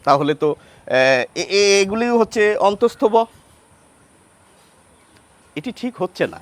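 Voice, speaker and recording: High-voiced Bengali teacher, slow and deliberate. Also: male voice, animated, no room sound. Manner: deliberate, sounds out example words, asks questions then answers them. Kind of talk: grammar lesson.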